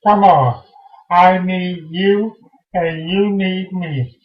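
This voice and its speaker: A performer playing a pushy, lecherous old man who croons low come-ons, in a slow, dull, roomy recording. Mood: coaxing.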